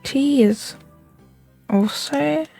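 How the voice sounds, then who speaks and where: A woman's voice: sits high, very slow, creaky, dark tone, soft background music. A woman casually playing a video game and reading its dialogue aloud as she goes.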